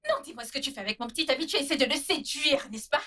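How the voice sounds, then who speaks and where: A woman's voice: high voice, quick pace, distant mic. An actress playing a jealous, furious young girlfriend who hurls insults. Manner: shouting insults. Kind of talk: dubbed film drama.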